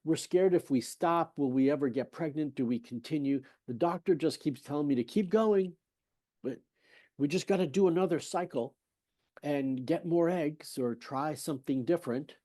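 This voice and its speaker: A man with a warm, somewhat high voice speaks at a moderate pace as a fertility specialist in a podcast interview. He's conversational yet emphatic and persuasive, asking rhetorical questions and retelling his conversations with patients. The studio-quality audio has no echo.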